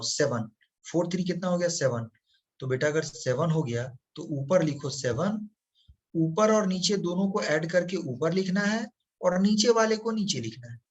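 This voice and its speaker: Brief: male maths teacher, somewhat high voice, coaxing, asks and answers his own questions. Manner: asks students questions and answers them himself; calls the listener "beta", coaxing. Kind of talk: blackboard maths lesson.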